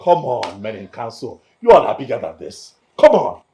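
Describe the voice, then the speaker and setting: Nigerian heir who won't have it, agitated, keeps repeating himself, voice swings all over. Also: male voice, medium pitch, huge pitch swings, moderate pace, warm tone. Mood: defiant. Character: defiant young man rejecting a royal claim. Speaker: young man told he is a king's heir.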